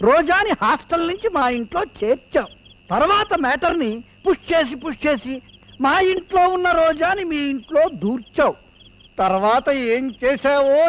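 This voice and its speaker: A man's voice: very high-pitched, fairly bright tone. An actor playing a sarcastic neighbour man who taunts and sings to himself in a film scene. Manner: taunting, sing-song.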